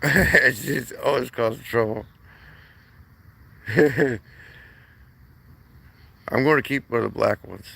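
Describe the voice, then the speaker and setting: Unhurried man streaming from his phone outside at night, rambling and laughing with viewers, rough gravelly voice. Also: medium pitch, a bit bright. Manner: chatty, laughs often, talks to viewers. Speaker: live streamer. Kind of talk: rambling casual live stream. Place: outdoors at night.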